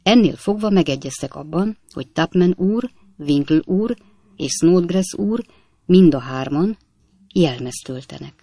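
Gravelly male audiobook narrator. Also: fairly high pitch, no echo. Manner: measured, even literary reading. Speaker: audiobook reader. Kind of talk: scripted narration of a classic novel.

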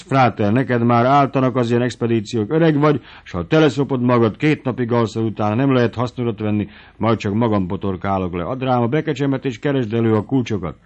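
A man voicing an irascible old squire who shouts and blusters. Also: mid-range voice, lightly acted. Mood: gruff.

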